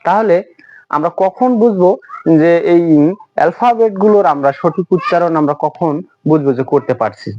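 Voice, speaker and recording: A man whose first language is Bengali, teaching English letter sounds in a slow lesson, spelling them out one by one. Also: high-pitched, a little hiss or hum. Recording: dull lo-fi audio.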